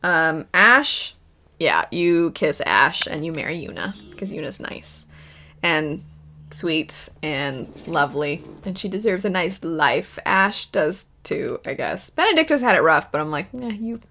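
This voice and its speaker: With a low, very animated voice, a measured pace, and a sharp tone, a woman hosts a casual video chat built around choosing between video game characters. A little hiss or hum sits under her wavering, self-deprecating thinking aloud.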